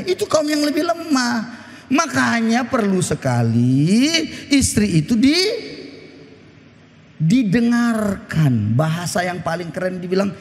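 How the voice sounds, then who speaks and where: A pastor preaching a sermon, telling stories with animation and quizzing his congregation. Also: high-pitched. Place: church. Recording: echoey church hall.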